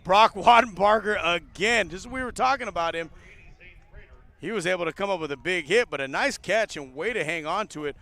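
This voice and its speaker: A man doing live play-by-play commentary of a college football game for a radio broadcast, rising with excitement on big plays. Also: high-pitched, brisk, creaky. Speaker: play-by-play announcer.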